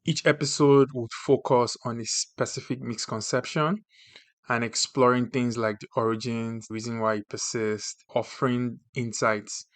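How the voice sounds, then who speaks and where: A man's voice: mid-range voice, level tone, a little slow, no room sound. Nigerian man hosting a podcast. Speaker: podcast host. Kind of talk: scripted solo podcast talk.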